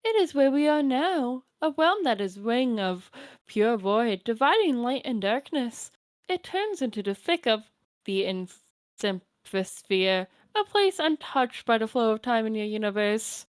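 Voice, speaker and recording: A woman's voice: fairly high pitch, sing-song, measured pace, no echo, clean studio sound. Woman doing a hooting ghostly granny sprite. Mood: grand. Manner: quavering old-lady voice with hooting laugh. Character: ghostly old grandmother sprite, clownish and doting.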